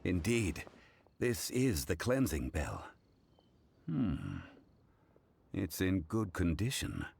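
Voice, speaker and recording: A man voicing a composed, courteous, scholarly gentleman in a video game, formal and measured in phrasing. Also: low voice, wildly swooping pitch, creaky, slight background noise, exaggerated voice.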